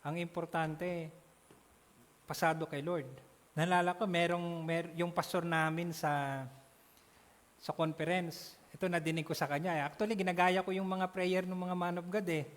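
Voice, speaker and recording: Casting: man with a high voice, animated church Bible class teacher, long hall echo. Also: normal speed, long pauses. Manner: animated, keeps checking in with the class.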